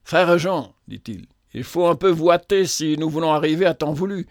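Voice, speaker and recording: A man voicing a rough bearded male guide who is blunt but polite, speaking briskly and urgently. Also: on the high side, no room sound, studio quality, voice pushed up, close to an everyday voice. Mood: impatient.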